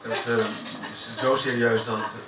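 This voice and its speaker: Man, poet, measured recitation, live café reading, distant mic, roomy echo. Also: medium pitch, level tone. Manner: measured recitation with deliberate pauses. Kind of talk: poetry reading at a live event. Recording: echoey room from far off, noisy.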